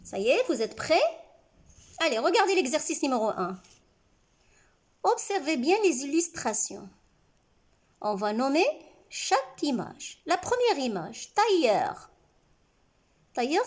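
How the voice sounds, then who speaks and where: A woman teacher giving a reading lesson to young pupils, saying words slowly and clearly, syllable by syllable, asking the class questions and praising their answers. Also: high-pitched, sing-song. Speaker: primary school teacher.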